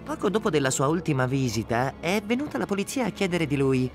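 An actor dubbing a fussy, talkative boarding-house landlord in a game. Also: male voice, fairly high pitch, big pitch swings, quick pace, music in the background. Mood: chatty. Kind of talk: Italian game dub.

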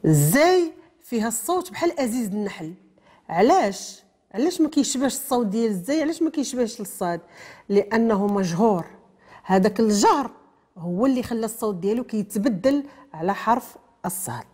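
A tajweed teacher with a Moroccan accent explains step by step how a letter is pronounced, posing questions and answering them herself. She blends formal terms with everyday speech, and her voice is a little high, sing-song, fast, warm and slightly rough.

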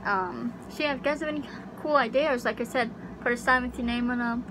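Fairly high-pitched and a little fast, a young woman vlogs casually on YouTube, rambling and unsure, with fillers throughout. The webcam captures her up close in a small pink bedroom. The home recording has an audible hum from the air conditioner.

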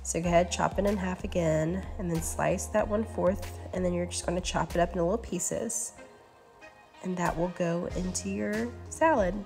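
A woman hosting a cooking channel, talking through recipe steps in a relaxed, instructive voice-over. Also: on the low side, moderate pace, creaky. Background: faint background music.

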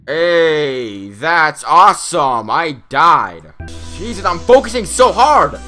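Male let's-player cooped up in a closet; frustrated, jumpy, bright tone with faint game music under him. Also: on the high side, takes it slowly. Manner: excitable, frustrated, talks to viewers. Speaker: gamer. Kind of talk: let's-play commentary. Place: inside a closet at night.

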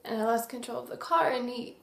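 A young woman acting a remorseful recovering addict in a dramatic monologue, halting and full of tragic sorrow. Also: on the high side, vocal fry. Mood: wistful, halting sorrow. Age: young adult. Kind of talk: dramatic monologue, naturalistic confession. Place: small indoor room. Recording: roomy echo.

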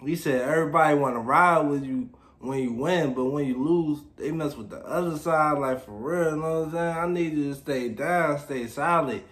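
A man's voice: on the high side, moderate pace, fairly bright tone. A man hosting a reaction video in casual, laid-back talk, often tagging his lines with "for real". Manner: laid-back, repeats "like, for real" and "you know what I'm saying". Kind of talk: casual commentary.

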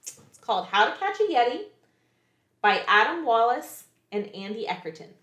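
Lively playful woman reading to kids. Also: a little high, normal speed, reverberant. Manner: playful, asks children questions. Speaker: children's librarian. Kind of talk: reading picture books aloud to children.

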